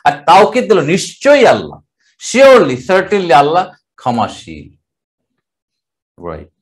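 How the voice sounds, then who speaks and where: Older male grammar teacher, lively pitch. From Bangladesh. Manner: explains step by step, drawing out Arabic words slowly. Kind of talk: classroom lecture.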